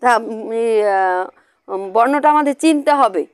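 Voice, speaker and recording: Woman teacher, high voice, dry close sound; spells out letters slowly for small kids, sing-song, coaxing. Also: animated, dry recording. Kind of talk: children's spelling lesson.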